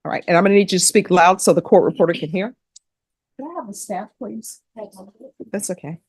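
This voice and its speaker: A woman judge in a courtroom, reading legal admonishments and sentences in a measured, formal way. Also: medium pitch, husky, dry recording, studio quality.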